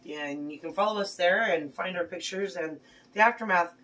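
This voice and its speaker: A mom in her thirties with a lowish, fairly bright voice talks at a moderate pace while cooking with her daughter in the home kitchen, praising her often. Audio from the phone camera on the counter is poor, and the clatter of dishes and pans comes through clearly.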